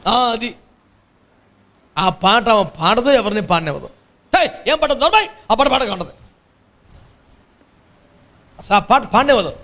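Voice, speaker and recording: A man's voice: sits high, animated, unhurried, long pauses, fairly bright tone. A male pastor preaching a sermon, emphatic and repetitive, firing rhetorical questions at the congregation with mocking asides.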